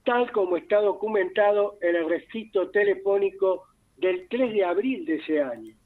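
A man with an Argentine accent, a radio columnist reading a formal, dense prepared column in a measured way. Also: high voice, lively intonation. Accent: Argentine Spanish. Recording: tinny phone line.

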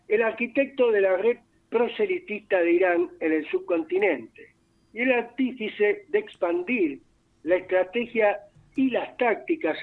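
A man with an Argentine accent, a radio columnist reading a formal, dense prepared column in a measured way. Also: high voice. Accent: Argentine Spanish. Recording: tinny phone line.

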